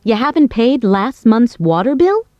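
A woman playing a young woman who talks about bills and plans with a friend, in a scripted language-course dialogue, speaking clearly and carefully. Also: a little high, big pitch swings, normal speed, no room sound, muffled recording. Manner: clear, careful everyday speech.

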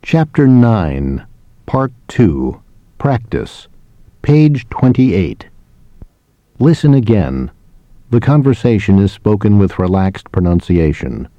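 A man giving scripted instructions as the narrator of a language course, reading each one in a slow, measured way. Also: on the low side, very animated, mellow, no room sound, highs cut off.

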